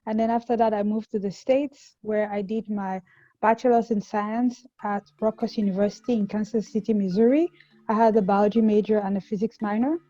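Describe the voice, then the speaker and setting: A woman's voice: medium pitch, steady tone, brisk, warm tone, no echo. A woman from Cameroon, a scientific advisor, introducing herself fluently on an online panel. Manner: fluent, orderly résumé telling. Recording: dull, muffled sound.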